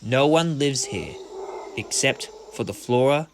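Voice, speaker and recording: A man's voice: medium pitch, lively intonation, unhurried, lightly acted. A man playing an eccentric, confident time-travelling explorer in a fan audio drama, chatty and theatrical. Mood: assured. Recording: loud background noise and ambience.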